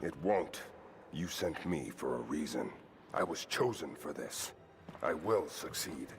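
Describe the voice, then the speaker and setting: An actor playing a stern, zealous commander in a video game cutscene who talks in a cold, assured way. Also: male voice, extremely low pitch, lively intonation, a little slow, exaggerated voice. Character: stern, zealous male commander sure he is chosen.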